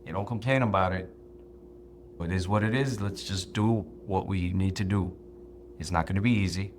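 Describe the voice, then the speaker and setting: A man co-hosting a casual podcast chat, talking in an earnest, measured, emphatic way. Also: low voice, slight background noise. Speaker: podcast co-host.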